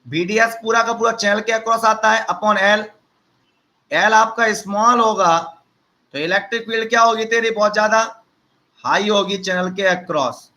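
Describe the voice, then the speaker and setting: Man, teacher, high voice, chatty and teasing, online lecture. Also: normal speed, sharp tone, low-quality recording. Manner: chatty, teasing asides to students.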